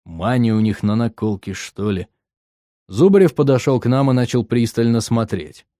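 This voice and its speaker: A man narrating an audiobook in the first person, matter-of-fact and even. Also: medium pitch, normal speed, dry recording, clean studio sound.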